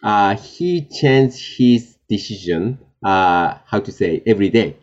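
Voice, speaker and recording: A low-pitched man from Japan, speaking English as his second language, answers interview questions. He pauses often and restarts his sentences. The recording sounds dull and lo-fi. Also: animated. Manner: halting, many fillers and restarts. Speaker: guest, tech executive.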